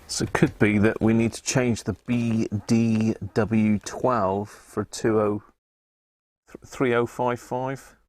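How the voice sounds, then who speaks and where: He speaks slowly with flat delivery in a lowish, slightly mellow voice, and the recording has no room sound. The man hosts an electronics repair stream live from an indoor bench, chatting casually as he works.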